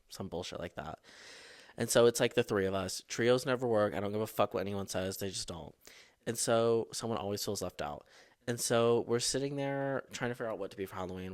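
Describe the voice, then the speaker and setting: A young man hosting his own podcast, telling school stories in a dramatic, swearing, animated way. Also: on the low side, no echo. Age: young adult. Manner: dramatic, profane, animated storytelling. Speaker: podcast host. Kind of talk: casual storytelling.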